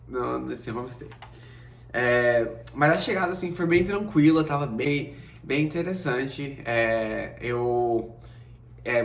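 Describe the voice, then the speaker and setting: A Brazilian man in his thirties tells a personal story in a lively way and acts out each line of dialogue. His voice sits at an ordinary pitch for a man. He sounds set back from the microphone in an echoey room with faint noise behind him. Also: distant mic. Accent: Brazilian Portuguese. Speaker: vlogger. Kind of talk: casual storytelling. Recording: roomy echo, away from mic, faint noise.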